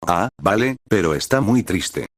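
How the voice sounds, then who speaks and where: A man voicing a simple, cheerful teenage girl in a naive, gentle way, in his own low voice. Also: lively intonation, unhurried, no room sound, clean studio sound.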